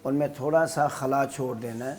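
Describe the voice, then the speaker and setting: A man with a Pakistani Urdu accent coaching pupils on Quran pronunciation, explaining tongue and teeth placement quickly and plainly. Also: medium pitch, fairly even intonation. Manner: rapid, matter-of-fact explanations between slow model recitations. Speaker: Quran recitation tutor.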